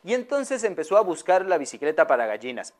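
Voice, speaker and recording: A woman's voice: lowish voice, big pitch swings, fast, a little mellow. A woman telling a children's story aloud, often asking her young listeners questions.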